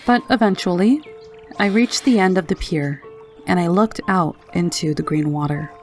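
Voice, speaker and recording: A woman narrating a scripted first-person scary story in a low, haunting, measured manner. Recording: narration over background music. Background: music.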